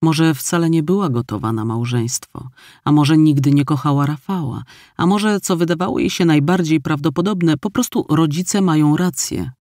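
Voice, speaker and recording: Man, audiobook narrator, measured expressive reading, higher-pitched voice, dry close recording. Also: no room sound. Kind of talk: scripted narration.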